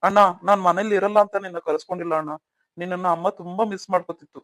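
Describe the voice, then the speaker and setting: A man's voice: high voice, fairly even intonation, very fast, fairly bright tone, no echo. A man voicing an earnest young married man who pleads with his elder brother in a cartoon story. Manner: pleading, emotional.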